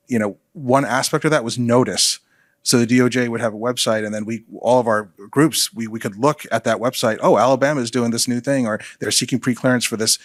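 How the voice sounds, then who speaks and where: Measured man answering a panel question. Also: mid-range voice, no room sound. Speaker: panelist, voting rights advocate. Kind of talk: panel discussion.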